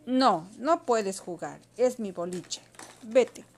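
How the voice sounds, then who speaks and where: A woman voicing a selfish, possessive young female dinosaur in a storybook reading, insistent and loud in her claims. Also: medium pitch, expressive, slow, gravelly. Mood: bossy.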